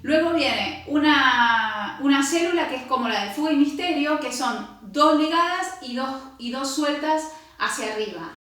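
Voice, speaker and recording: A woman teaching double bass, explaining patiently, singing rhythms with syllables and counting aloud. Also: lively intonation, moderate pace. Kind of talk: instructional music lesson. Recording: very echoey room.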